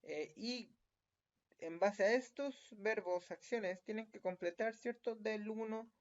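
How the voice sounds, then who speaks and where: Chilean man, teacher, high-ish voice, slow and patient, dull lo-fi recording. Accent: Chilean Spanish. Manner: patient, checks in often with tag questions. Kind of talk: recorded classroom lesson.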